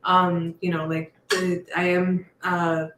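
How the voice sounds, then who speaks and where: A woman speaking casually on a livestream, halting, with many pauses and fillers. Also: on the low side, flat delivery, a bit bright. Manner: halting, many ums and restarts. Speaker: organizer introducing themself. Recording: echoey room with faint noise.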